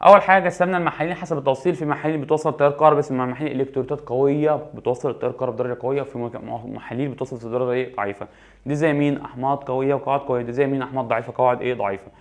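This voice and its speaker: A man's voice: medium pitch, fairly even intonation, rapid-fire. A man with an Egyptian Arabic accent giving a chemistry exam review, asking questions and answering them himself and repeating key points. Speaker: chemistry teacher.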